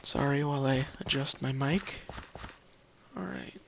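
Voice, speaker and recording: The host of a gaming video series gives casual Minecraft let's play commentary, thinking aloud as he plays in a rambling, apologetic way. His tired, slightly scratchy voice is mid-range and a bit bright, unhurried, with vocal fry.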